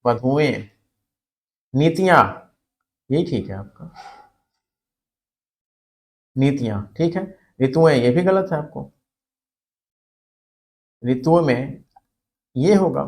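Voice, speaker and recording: A man's voice: a little high, lively intonation, slow pace, long pauses, darkish tone. A man teaching a spelling and grammar lesson for exam students, explaining step by step and repeating words for emphasis.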